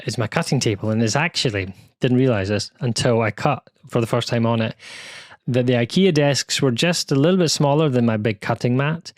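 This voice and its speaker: A man's voice: medium pitch, no echo, clean studio sound. A man from the UK with a British accent, chatting casually and self-deprecatingly as host of a quilting channel. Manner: chatty and self-deprecating, with many asides and restarts. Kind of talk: casual chat. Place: home sewing room.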